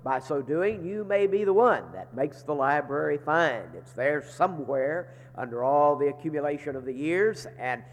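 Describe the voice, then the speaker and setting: With a voice on the high side, lively in intonation, a middle-aged man gives chapel announcements at a moderate pace and with few pauses. He leads the seminary and keeps it folksy and joking, with frequent "uh," though a sinus infection makes him sound congested, like he's in a barrel. Long reverb fills the large chapel.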